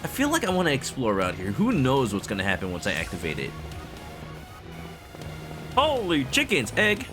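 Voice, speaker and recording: A man's voice: lowish voice, huge pitch swings, fast, hardly any pauses, over music. A man casually commentating a video game livestream in a playful, exclamatory way.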